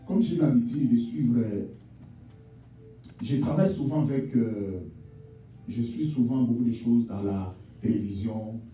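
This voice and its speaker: Booming preacher in an echoey church. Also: male voice, recorded from a distance. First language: not English. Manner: swings from shouted exhortation to low, quiet address; addresses the congregation directly as mother, father, sister. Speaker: pastor. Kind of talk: sermon. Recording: echoey church hall, voice from off-mic.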